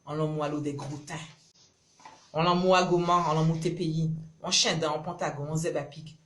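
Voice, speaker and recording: A poet from Marie-Galante, Guadeloupe, performs spoken-word love poetry with a Creole accent. Her deep voice moves briskly with fairly even intonation, delivered in short, rhythmic, incantatory phrases.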